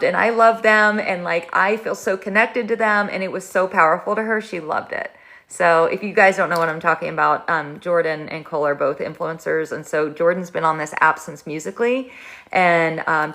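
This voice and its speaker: A woman's voice: fairly low pitch, fairly bright tone. A middle-aged woman hosting a livestream, chatting casually with viewers in a rambling way, full of fillers and restarts. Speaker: livestream host.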